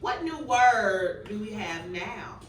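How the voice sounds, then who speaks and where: Calmly firm woman teacher, bright voice, echoey classroom. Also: medium pitch, slow pace. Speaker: elementary school teacher. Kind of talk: classroom phonics lesson. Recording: distant mic, echoey room, faint noise.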